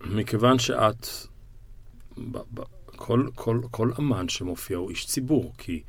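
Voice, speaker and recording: A man hosting an interview, asking reflective questions in measured, drawn-out phrases with stammered restarts. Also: on the low side, expressive, dry recording. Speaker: interview host.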